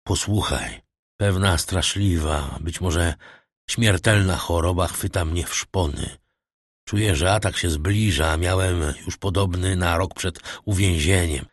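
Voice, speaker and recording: A man voicing a gravely ill old priest, a prisoner, in a husky, low, strained and pleading voice for an audiobook. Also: measured pace, no room sound, studio quality. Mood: urgent, weakening. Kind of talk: audiobook character voice.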